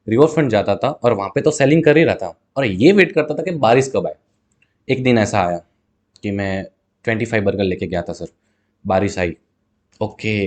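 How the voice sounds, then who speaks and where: A man's voice: mid-range voice, a little mellow. A man, a guest telling a story in a casual interview. He talks animatedly, acts out both sides of talks with customers, and mixes in English words. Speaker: guest, burger seller.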